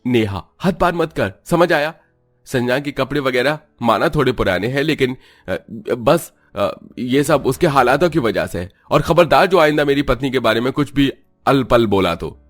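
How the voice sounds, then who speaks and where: A man's voice: medium pitch, lively intonation, normal speed, lightly acted. A man playing a firm, protective young husband. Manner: reassuring, firm.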